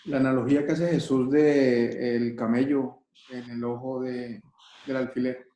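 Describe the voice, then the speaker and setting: A man's voice: mid-range voice, fairly even intonation, measured pace, dark tone, echoey room. A male student giving brief answers to his teacher in class.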